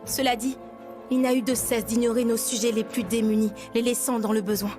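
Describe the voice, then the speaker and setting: A woman's voice: on the high side, little pitch movement, fairly quick, music in the background, close to an everyday voice. A woman voicing an earnest young princess in an anime dub, speaking formally.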